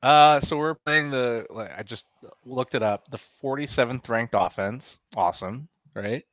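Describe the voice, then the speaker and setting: Podcast guy, mid pitch, short dry quips, close dry mic. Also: measured pace, fairly bright tone, dry recording, muffled recording. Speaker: podcast co-host. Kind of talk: casual sports podcast chat.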